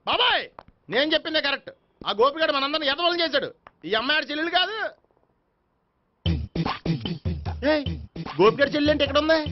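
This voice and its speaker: An actor playing an excitable, hotheaded young man who rants and boasts in a comic film scene. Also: very high voice, very fast. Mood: griping. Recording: dull lo-fi film soundtrack.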